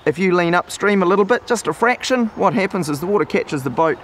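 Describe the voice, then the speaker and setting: High-voiced Kiwi man, broad accent. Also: lively intonation, quick pace, slight background noise. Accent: New Zealand. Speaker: river guide. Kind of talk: casual instructional chat. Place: outdoors on a riverbank.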